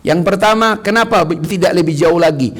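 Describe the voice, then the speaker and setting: A man preaching a mosque sermon to his congregation, animated, breaking into shouted high quotes and then dropping to soft murmurs. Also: brisk. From Indonesia. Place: mosque hall.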